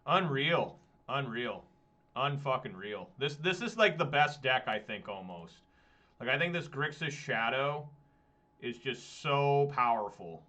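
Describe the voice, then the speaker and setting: A man's voice: medium pitch, lively intonation, unhurried, sharp tone. A man thinking aloud in a casual, muttering way while he plays an online card game, with exasperated asides. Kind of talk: thinking aloud over gameplay.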